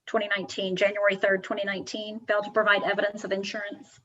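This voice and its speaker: Brisk clerk on a muffled conference call. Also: female voice, mid-range voice, completely flat delivery, pushed and bright. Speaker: court clerk. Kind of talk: running a court docket.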